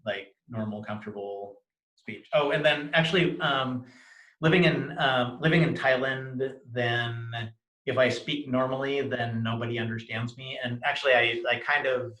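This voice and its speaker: A man's voice: medium pitch, sharp tone. A man giving a conversational personal account in disjointed, cluttered speech, repeating words and syllables and often restarting his phrases. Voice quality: disfluent cluttered speech with many word and syllable repetitions. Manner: disjointed, halting, self-correcting delivery with frequent restarts. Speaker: interviewee sharing his experience of cluttering. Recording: roomy, echoey video recording.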